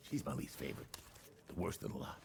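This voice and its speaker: A man's voice: extremely low pitch, expressive, fast, vocal fry, noisy background, exaggerated voice. An actor playing a grumbling man in his thirties who gives tech advice in a video game. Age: 30s.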